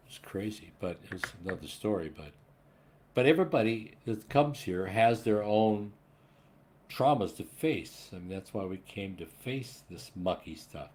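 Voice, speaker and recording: Man, 60s, low-pitched; earnest, meandering spiritual vlogger with casual swearing. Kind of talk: rambling spiritual monologue.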